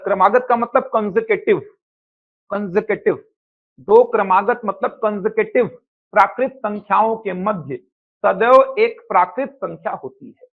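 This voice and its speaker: A man teaching a live online math class, who asks questions and answers them himself, with a Chhattisgarh Hindi accent. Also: sits high. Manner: repetitive, asks and answers his own questions. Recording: tinny phone-like sound.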